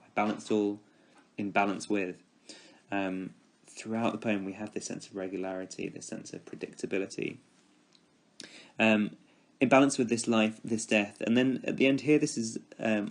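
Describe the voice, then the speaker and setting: A male teacher talking through a poem for his students, thoughtful and measured, pausing with ums and restarts, and giving quoted lines extra weight. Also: fairly low pitch, vocal fry. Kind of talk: spoken poetry analysis for students.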